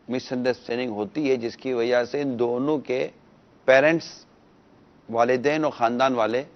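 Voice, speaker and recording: A man's voice: mid-range voice, dull audio. A man speaking as a religious scholar on a TV panel, earnestly pleading with viewers and teaching through parables.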